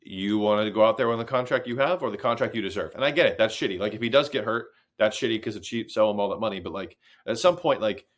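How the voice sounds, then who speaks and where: A man's voice: lowish voice, fast, hardly any pauses. A man co-hosting a sports podcast, chatting in a sarcastic, profane, conversational way. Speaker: podcast co-host. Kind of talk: casual sports chat.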